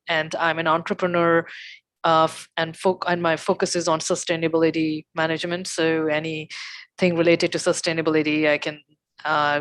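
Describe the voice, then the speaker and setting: A young woman speaks in a low, fairly flat voice, pausing often with fillers and restarting her phrases. She sounds close and dry, heard over a video call. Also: dry recording. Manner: halting, many fillers and restarts. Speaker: panelist. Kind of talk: casual talk show introduction.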